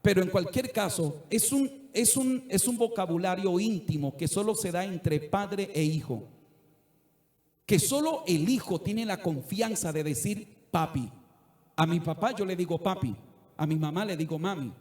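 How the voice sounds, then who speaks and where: A man's voice: high voice, measured pace, a little mellow. A middle-aged male pastor preaching a sermon earnestly, at times rising to fervent exhortation. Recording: echoey church room.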